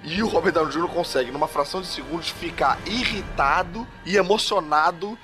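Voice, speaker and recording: Animated Brazilian podcast host, slightly high. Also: male voice, fairly quick, over music. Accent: Brazilian Portuguese. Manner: animated, swears, acts out quotes. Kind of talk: casual chat.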